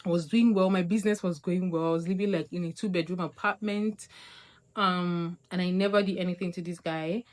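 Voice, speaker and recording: A young woman vlogger from Nigeria telling a casual storytime monologue, acting out quoted lines with big jumps in her voice. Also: brisk. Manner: animated, acts out quotes with big pitch jumps.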